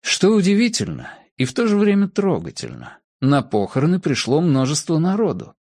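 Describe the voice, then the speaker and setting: A man narrating a story in an expressive audiobook reading. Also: on the high side, moderate pace, dry recording. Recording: dry close studio sound.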